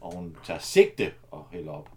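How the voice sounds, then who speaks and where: Casting: a man casually recapping a film, animated, lively mid-pitched voice. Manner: animated retelling, acting out lines.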